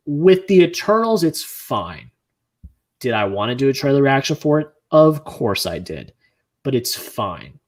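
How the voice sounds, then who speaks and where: A man's voice: medium pitch, unhurried. Earnest rambling man hosting a livestream. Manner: earnest, rambling, animated when frustrated. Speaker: livestream host. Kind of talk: casual livestream chat.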